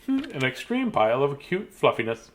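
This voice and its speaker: A man in his fifties, a children's storyteller, reads bedtime picture books in an animated, playful, childlike manner, with chatty asides. His voice sits mid-range and his pace is moderate. He's indoors in a small decorated room.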